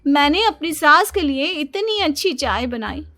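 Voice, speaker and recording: A self-pitying young wife from a cartoon story complains in a whiny, dramatic way, voiced by a woman. Her voice is high, and soft music plays behind her. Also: expressive, measured pace, exaggerated voice. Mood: complaining.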